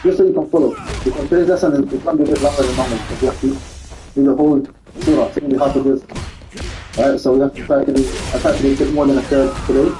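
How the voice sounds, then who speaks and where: A man's voice: medium pitch, fairly even intonation, racing, noisy background. Earnest man giving an Islamic lesson. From England. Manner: earnest, questioning, repeats himself often. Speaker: Islamic teacher. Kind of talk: religious lesson to a gathering.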